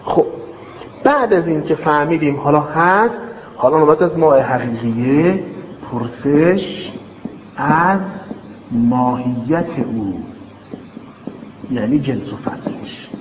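A man teaching a logic class, dictating terms slowly and then explaining them with quick everyday examples. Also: a little high, lively intonation. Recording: echoey, dull hall recording with faint hiss.

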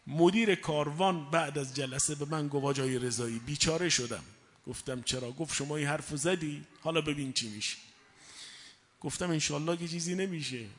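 A man preaching a sermon, slow and measured, with sudden loud emphatic rises. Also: on the high side. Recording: echoey hall reverb.

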